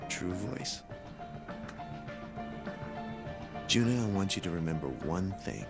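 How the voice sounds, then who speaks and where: An actor playing a passionate, idealistic math teacher in a dubbed drama, lecturing earnestly and theatrically over music. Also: male voice, sits low, very animated, moderate pace. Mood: solemn, dejected.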